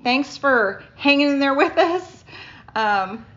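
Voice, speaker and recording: A woman's voice: high voice, expressive, takes it slowly, fairly bright tone, highs cut off. A middle-aged woman co-hosting a podcast in casual chat, laughing often, recorded on a phone. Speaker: podcast co-host.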